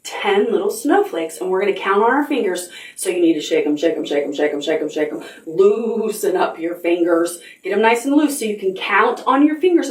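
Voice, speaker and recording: A woman librarian leads a preschool storytime with songs and reading, speaking to small children in a sing-song, encouraging way. Her medium-pitched, darkish voice sounds reverberant and is captured from a distance.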